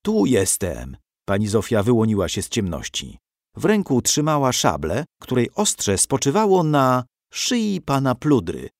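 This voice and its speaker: A man giving an expressive, dramatic scripted narration of a historical story. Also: medium pitch, normal speed, no echo, clean studio sound.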